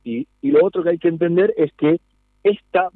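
A nightlife business representative, a man in his thirties with an Argentine Spanish accent, speaks by phone in an interview, laying out a policy earnestly and seeking agreement. The tinny call carries his fairly high-pitched voice at a moderate pace, with no room sound.

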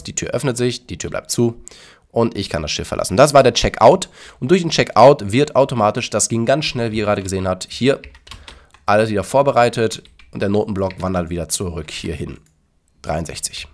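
German man explaining a Minecraft build. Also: lowish voice. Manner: explanatory, talks to viewers. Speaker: YouTuber demonstrating a Minecraft build. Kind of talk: casual gameplay commentary.

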